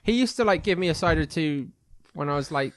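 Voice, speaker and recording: A man's voice: on the high side, lively intonation, fast talker, no room sound, clean studio sound. A young man co-hosting a podcast, drunk, telling stories with lots of hesitation. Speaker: podcast co-host. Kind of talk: drunk casual storytelling.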